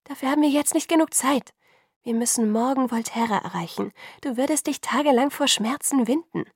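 Alice, a bright young vampire as a woman voices her. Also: high voice, husky, no echo, clean studio sound, voice pushed up. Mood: lively. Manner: brisk and lively, talks fast when excited. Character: quick, bright young female vampire seer. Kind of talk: audiobook reading.

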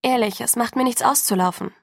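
A woman's voice: a little high, a little fast, no echo, clean studio sound, pitched above the performer's own voice. A woman reading the lines of a shy but stubborn teenage girl, hesitant and defiant, in an audiobook.

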